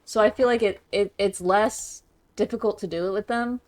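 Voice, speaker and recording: A woman's voice: medium pitch, normal speed. A woman co-hosting a casual podcast, talking things through thoughtfully, with the odd stumble and restart. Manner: thoughtful and conversational, with some stumbles.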